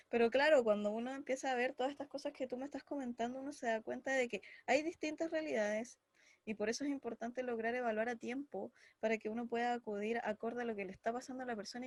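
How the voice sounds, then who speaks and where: A woman hosting an interview, eager and quick to agree with short replies. Her voice is slightly high. The sound is dry and close. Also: no room sound. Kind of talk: conversational interview.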